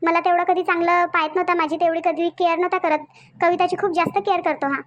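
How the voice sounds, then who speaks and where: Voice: very high-pitched, flat delivery, quick pace, fairly bright tone, highs cut off. A performer voicing a scheming young woman who gloats over her plan, with a Varhadi Marathi accent. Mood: gloating. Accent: Vidarbha Marathi (Varhadi). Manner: gloating, self-satisfied monologue. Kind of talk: cartoon voice acting.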